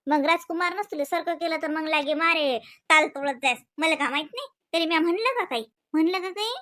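A woman's voice: very high voice, a little fast, bright, forceful tone, no echo. A woman voicing a nagging middle-aged mother-in-law in a cartoon, with a Varhadi Marathi accent and a habit of tagging on questions. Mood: scolding. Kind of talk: cartoon voice acting.

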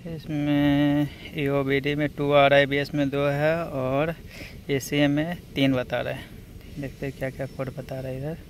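An auto electrician and video host takes viewers through a repair step by step, relaxed and hands-on, often tacking on short check-in tags. He speaks at a measured pace in a mid-range voice with little pitch movement. He's in and beside a car at the engine bay, captured on a noisy handheld workshop recording with engine noise.

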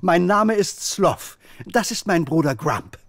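A man's voice: high voice, lively intonation, slow, fairly bright tone, dry recording, studio quality, exaggerated voice. A man voicing a courteous, nervous, gloomy ogre in a video game, speaking politely and theatrically. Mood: courtly.

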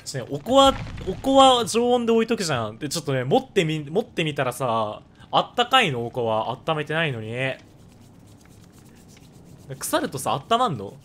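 A man with a hoarse voice, chatting casually while live-streaming a game and thanking viewers for donations. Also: on the high side, big pitch swings, normal speed, fairly bright tone, a little hiss or hum.

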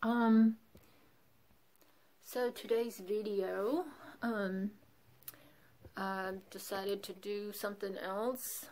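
A woman's voice: medium pitch, little pitch movement, drawn-out words, pauses often, darkish tone. A woman vlogger talking casually in a subdued morning voice, teary and emotional. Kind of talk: casual vlog talk.

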